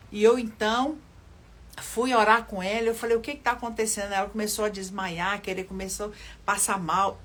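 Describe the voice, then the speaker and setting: A woman's voice: medium pitch, fairly bright tone. An older woman from Brazil preaching in a livestream sermon, earnestly addressing viewers and repeating phrases for emphasis. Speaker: children's ministry leader.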